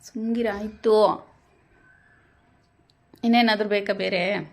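A young woman filming a casual home video, softly coaxing and soothing a crying child with repeated gentle questions. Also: medium pitch, steady tone, takes it slowly. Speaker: parent filming her child.

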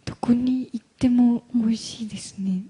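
A young woman from Hyogo, a guest actress speaking softly and hesitantly in a live stage interview. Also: fairly high pitch, steady tone, breathy edge. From Hyogo, Japan. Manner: soft-spoken, hesitant, halting. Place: event hall stage.

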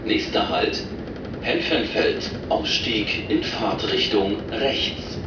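A man giving formal, evenly measured stop announcements over a train intercom loudspeaker. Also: on the low side, expressive, recorded from a distance, highs cut off. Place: inside a moving commuter train. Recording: echoey loudspeaker heard from afar with loud train noise.

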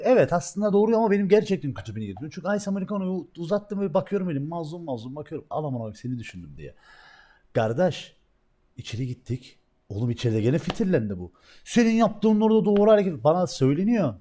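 A young man streaming, telling a story in casual chat, animated and full of swearing, jumping between loud outbursts and quiet asides. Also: fairly high pitch.

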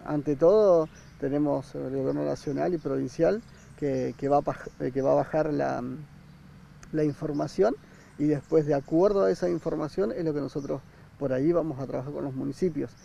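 A man, a campground manager speaking haltingly in an outdoor interview. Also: on the high side, creaky, mellow. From Argentina. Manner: hesitant, many fillers and restarts. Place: outdoor park by a river. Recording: dull sound, faint outdoor noise.

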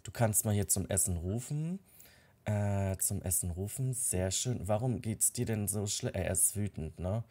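A man's voice: lowish voice, lively intonation, unhurried, dark tone. A young man casually commenting on a life-simulation game, telling the characters' quarrels and thoughts in his own voice with frequent fillers. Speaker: Let's Play host.

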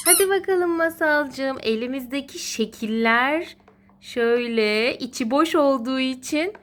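Speaking to her small child during educational play, this mother uses a high-pitched, fairly bright voice at a slightly slow pace. Her talk is encouraging and sing-song, full of repeated praise. Clicks and obvious noise mark the home recording.

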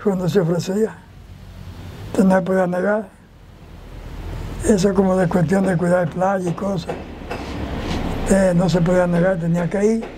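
A very old man, in his nineties, speaks with a Dominican accent. He reminisces haltingly in an interview, circling back over phrases. He wears a lapel mic outdoors, with clearly audible street noise around him. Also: high voice, level tone, dark tone, poor audio. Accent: Dominican Spanish. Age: 90s. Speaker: interview guest, elderly witness recalling the past. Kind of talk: casual interview recollection. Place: outdoors against a house wall.

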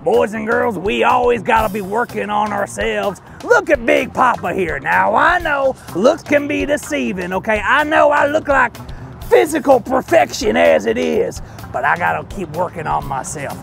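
A man playing a boisterous, boastful, folksy Southern trucker who hosts a children's Bible show with loud, exaggerated delivery. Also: very high voice, expressive, normal speed, creaky, soft background music, exaggerated voice. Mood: jovial, boastful. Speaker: kids show host.

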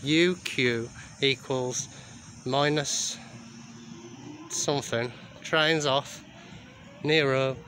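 Brief: man, slow unhurried talker, offhand amused asides, outdoor phone recording with faint noise. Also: mid-range voice, fairly even intonation, a bit bright. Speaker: vlogger filming trains and graffiti. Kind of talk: casual walking commentary. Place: outdoors in a narrow alley beside a railway station.

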